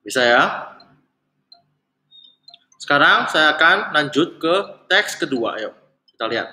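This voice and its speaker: A Mandarin teacher giving a casual spoken lesson, who repeats phrases slowly for learners. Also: medium pitch, big pitch swings, sharp tone, a little hiss or hum. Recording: roomy echo with faint music.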